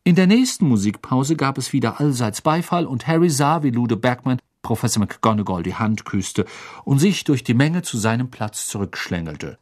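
An audiobook narrator with a lively, animated reading voice. The pitch moves a lot through the sentences. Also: normal speed. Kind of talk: scripted narration.

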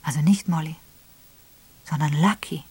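A woman reader voicing a calm, gentle woman who speaks softly and hushed. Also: low-pitched, moderate pace. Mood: startled. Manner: soft, hushed, breathy. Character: composed woman, gentle and sober.

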